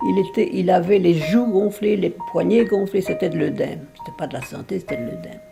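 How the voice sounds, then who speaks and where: A great-grandmother in her nineties from Belgium, telling her life story to a baby in a halting, emotional way with many restarts. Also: fairly low pitch, creaky, over music. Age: over 90. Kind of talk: intimate spoken memoir.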